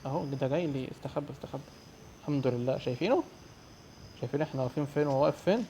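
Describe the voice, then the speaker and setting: Excitable Egyptian man narrating a horror game. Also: medium pitch, racing, slight background noise. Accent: Egyptian Arabic. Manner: excitable, shouts and swears when scared. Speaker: gamer.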